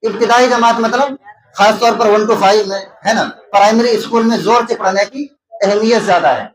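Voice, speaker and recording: A man with an Indian Urdu accent gives an exam-prep lecture as a teacher. He asks questions and answers them himself, repeating key terms to explain them. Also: high voice. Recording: echoey room.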